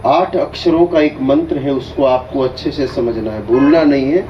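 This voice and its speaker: A man acting as a guru at an initiation ceremony, giving slow, deliberate spiritual instruction and often checking that listeners follow. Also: mid-range voice, a little hiss or hum. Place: hall at an initiation gathering. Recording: echoey, dull, distant hall recording.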